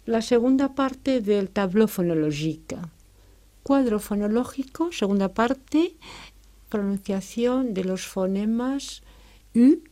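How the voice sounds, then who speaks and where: A woman teaching French, explaining sounds and grammar with a clear, careful delivery and French examples. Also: mid-range voice, animated, slow pace, mellow.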